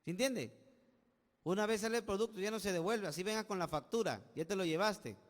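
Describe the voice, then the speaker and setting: High-voiced Peruvian pastor preaching. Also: male voice, a little fast, big-room sound. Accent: Peruvian Spanish. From Peru. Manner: preaching with call-and-response asides, swelling and dropping volume. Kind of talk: sermon.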